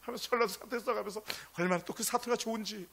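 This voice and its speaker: A male pastor delivers a sermon with a high, bright voice. His tone is husky and a little gravelly. He swings between loud, fervent exclamations and quiet asides. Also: fairly even intonation, very fast.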